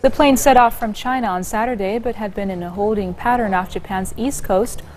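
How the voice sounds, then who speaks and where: A woman news anchor reading scripted bulletins in a steady, measured way. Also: medium pitch.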